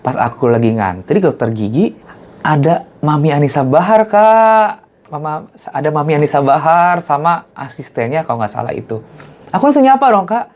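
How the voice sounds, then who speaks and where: A man, speaking as an interview guest. He talks in a loose, chatty way and tells stories. When he repeats what others said, he acts it out in a high voice. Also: sing-song, moderate pace, darkish tone. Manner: chatty storyteller who acts out quotes in a high voice. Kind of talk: casual chat.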